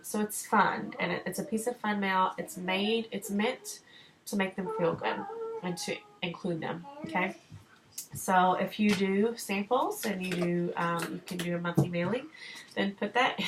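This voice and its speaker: Breathless and speaking at a measured pace, a direct sales consultant in her thirties shares chatty, supportive sales guidance in a casual vlog at home. She rambles with fillers and restarts, her voice is lowish, and the background is noisy.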